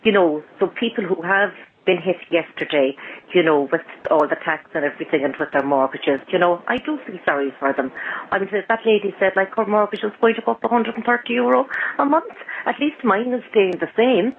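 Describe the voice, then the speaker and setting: High-voiced Irish man on phone. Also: brisk. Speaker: phone-in caller. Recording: noisy, tinny phone line.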